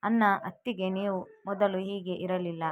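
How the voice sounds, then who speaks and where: A woman's voice: medium pitch, fairly even intonation, moderate pace, phone-quality sound, natural voice. Woman doing Soumya, fiery loving daughter. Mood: angry. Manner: pleading, then indignant. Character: young married daughter, loving, hot-tempered.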